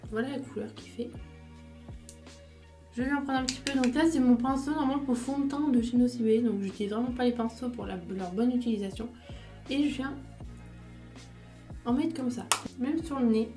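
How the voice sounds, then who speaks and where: A woman's voice: on the high side, brisk, long pauses, mellow, soft background music. A woman chatting casually through her makeup routine step by step, with small fillers as she goes. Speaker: beauty vlogger.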